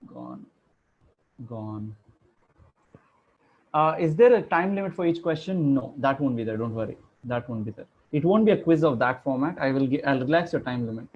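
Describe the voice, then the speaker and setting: A man's voice: medium pitch, lively intonation, fast, few pauses, narrow, tinny audio. A man teaching a class over a video call, chatty and joking as he quizzes his students. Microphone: computer microphone on a video call.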